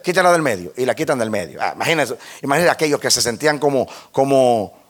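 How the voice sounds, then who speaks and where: A man preaching a sermon to a congregation. He repeats and restarts words as he builds a point, asks his listeners questions, and swings from hushed lines to near-shouted ones. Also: mid-range voice, expressive, fast talker.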